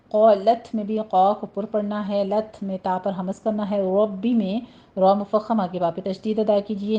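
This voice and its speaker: A woman teaching Quran recitation rules, explaining each word, then reciting it slowly and carefully. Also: medium pitch, dark tone, muffled recording. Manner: instructive, drawn-out recitation of single words.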